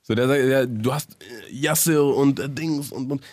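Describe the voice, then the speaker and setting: A man co-hosting a podcast in a casual chat, slangy and rambling, often trailing off quietly. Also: medium pitch, normal speed. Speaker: podcast co-host.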